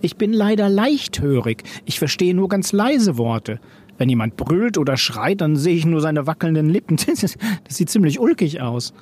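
A man's voice: a little high, sing-song, moderate pace, a little mellow, a little hiss or hum, voice pushed up. A man voicing a dramatic, eccentric female schoolteacher in a theatrical, exclamatory way. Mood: whispery.

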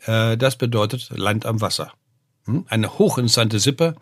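An older man, a professor and name researcher, explains word origins on a podcast in a lowish, breathy-edged voice at moderate pace. The studio-quality recording has no room sound. His lecturing delivery has lively rises and is full of "ne?" tags and "äh" fillers.

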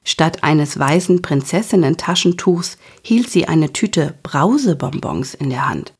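A woman reads a children's story aloud with lively, expressive storytelling. Her voice sits low and has a husky, breathy grain. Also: a little slow. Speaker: narrator. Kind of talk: children's audiobook narration.

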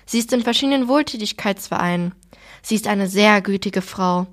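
A woman's voice: medium pitch, moderate pace, natural voice. A woman reading as a worried, pleading mother. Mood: careful. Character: worried mother arguing with husband.

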